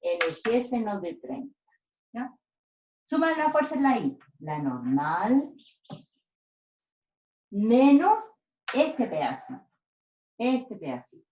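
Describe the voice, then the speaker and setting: A woman with a medium-pitched, darkish voice teaches physics step by step at a whiteboard, pausing after each step to ask "¿ya?" to check that students are following. The recording is echoey and dull, with a lo-fi quality and slight background noise.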